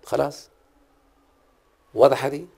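A man's voice: mid-range voice, flat delivery, unhurried, vocal fry, darkish tone, slightly rough. A middle-aged man with an Egyptian Arabic accent, teaching a class and patiently quizzing the students, repeating key terms. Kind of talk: classroom lesson on Arabic prosody.

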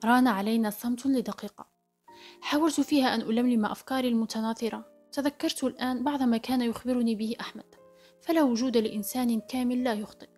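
A woman narrating a story in the first person with brisk, steady storytelling. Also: on the high side. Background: faint background music.

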